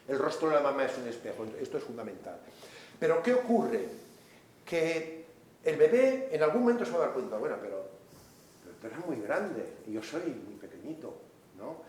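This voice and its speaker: In a very echoey recording from a large hall, a man with a darkish voice on the high side gives a seminar lecture, with slight background noise. The speaker, also an author, walks through ideas step by step, frequently checks with listeners and momentarily voices the people he quotes.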